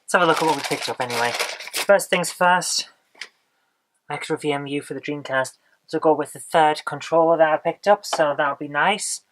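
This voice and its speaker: A tired vlogger talks in a mid-pitched voice. The delivery is casual and rambling, often searching for the next word, with low energy throughout. Noise sits behind the voice on the recording. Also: moderate pace, fairly bright tone, rough recording. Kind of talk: casual vlog chat.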